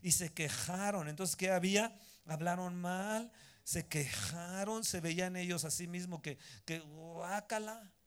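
Pastor guy preaching, kinda high voice, lots of rhetorical questions, sudden loud bursts. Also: unhurried, smooth. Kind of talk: sermon.

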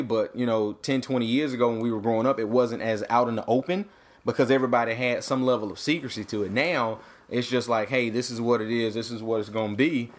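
A man in his thirties from Atlanta, co-hosting a podcast and telling loose, animated stories in casual chat. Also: mid-range voice. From Atlanta, USA. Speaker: podcast co-host.

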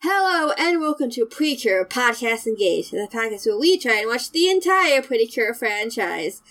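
A woman's voice: on the high side, very animated, moderate pace, fairly bright tone, soft background music. A woman hosting a podcast in casual chat, recapping in a rambling way that drifts into tangents. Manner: rambling, digressive. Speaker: podcast host.

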